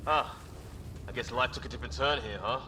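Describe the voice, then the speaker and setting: A man's voice: mid-range voice, brisk, background noise, close to an everyday voice. An actor playing a wry, plain-spoken, loyal male ex-cop soldier in a video game, talking informally. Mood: resigned, reassuring.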